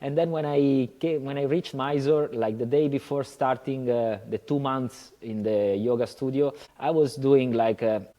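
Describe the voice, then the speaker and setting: A man from Italy with an Italian accent, a guest telling his story in a relaxed, hesitant way with many pauses. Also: medium pitch. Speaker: guest, yoga teacher. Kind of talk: casual interview talk.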